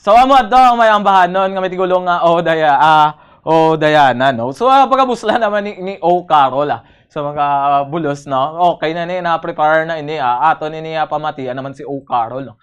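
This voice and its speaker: A man's voice: a little high, brisk, fairly bright tone, clear, resonant tone. A man hosting a radio request show, chatting casually, reading out greetings, stumbling over names and laughing at his own jokes. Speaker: radio host. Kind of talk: casual on-air chat reading listener greetings.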